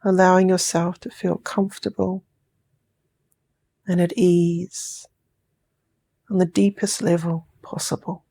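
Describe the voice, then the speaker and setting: Slow, gentle, drawn-out phrasing carries this sleep hypnosis session, led by a woman with a New Zealand accent who drops to a whisper at times. Her voice sits lowish, shows little pitch movement, and has vocal fry and a dark tone.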